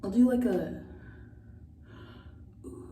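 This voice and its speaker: A woman's voice: mid-range voice, animated, takes it slowly, dark tone. A giggly, tipsy woman rambling through a casual makeup tutorial, swearing and poking fun at herself. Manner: self-deprecating, sweary. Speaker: beauty vlogger. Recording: roomy, distant mic, faint noise.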